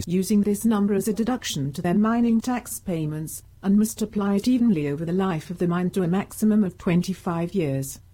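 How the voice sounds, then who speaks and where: A female text-to-speech voice from a talking device, reading text in an even, machine-like way. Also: medium pitch, fairly quick, hardly any pauses. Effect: synthetic text-to-speech voice.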